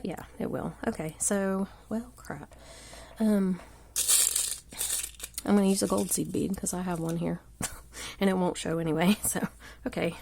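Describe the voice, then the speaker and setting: A craft host with a cold speaks in a low, gravelly, congested voice with a darkish tone, over a faint background hiss. She's giving a casual live tutorial at an indoor craft table while an overhead camera films her hands. Her talk is chatty and rambling, often fading to a murmur.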